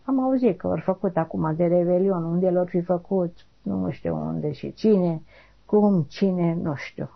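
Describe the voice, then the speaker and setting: A woman, being interviewed for an oral history, talking haltingly, repeating short affirmations and trailing off quietly. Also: lowish voice, vocal fry. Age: 80s. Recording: dull lo-fi recording.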